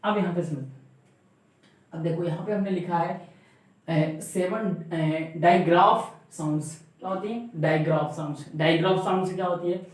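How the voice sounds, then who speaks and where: A man's voice: sits high, steady tone, moderate pace. A man teaching a class, repeating example words and asking the learners questions back. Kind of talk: classroom grammar lesson. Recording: very echoey room.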